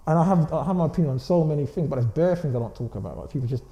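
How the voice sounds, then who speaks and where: A man's voice: fairly high pitch, animated, racing, warm tone. A man with a London roadman accent talking casually in street slang in an interview, emphatic and defensive, often checking he is understood. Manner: defensive, emphatic, repeats check phrases like "do you know what I'm saying". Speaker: blogger interview guest. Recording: roomy echo.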